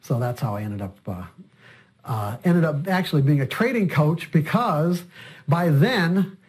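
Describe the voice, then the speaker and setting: An older man with a slightly high voice tells a long story in an interview. He explains things as a trading coach would. He often doubles back and repeats words as he goes. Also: expressive, a little slow, darkish tone.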